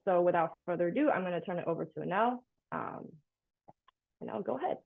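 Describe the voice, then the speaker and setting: Low, gravelly woman on a tinny call. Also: animated, fairly quick. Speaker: event moderator. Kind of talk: moderating a video call. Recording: tinny phone-like call audio.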